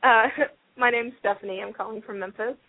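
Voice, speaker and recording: A woman calling in to a radio show on a speakerphone, speaking hesitantly with many pauses and fillers. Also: on the high side, steady tone, no echo. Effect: calling in on a speakerphone over a phone line. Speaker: caller. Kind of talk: call-in radio chat. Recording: tinny narrow phone line.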